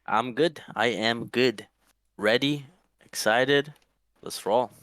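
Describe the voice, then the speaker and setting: A man's voice: medium pitch, takes it slowly, a bit bright, no room sound. A young man from Mexico, talking politely and upbeat with his coach, often restarting his sentences. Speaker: student player. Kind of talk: casual chat.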